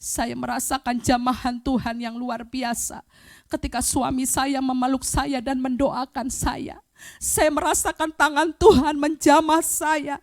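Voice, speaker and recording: A middle-aged woman pastor giving a fervent sermon, often rising to loud, emphatic cries. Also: sits high, little pitch movement, a little slow. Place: church, streamed online.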